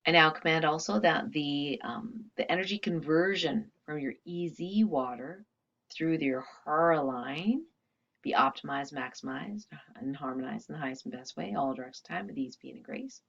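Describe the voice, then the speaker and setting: Woman, deep register, casual healing instructor, chatty asides, muffled lo-fi recording. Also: normal speed, creaky, a bit bright. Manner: conversational, with frequent asides and check-ins. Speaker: energy healing teacher. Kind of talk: casual talk and guided healing session.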